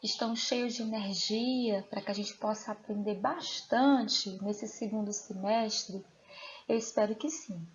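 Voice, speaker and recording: A woman with a Brazilian Portuguese accent, a teacher giving a recorded lesson to young pupils, asking them questions slowly and clearly. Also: mid-range voice, lo-fi sound, slight background noise. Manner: slow, clear, questioning delivery to children. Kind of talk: recorded remote school lesson.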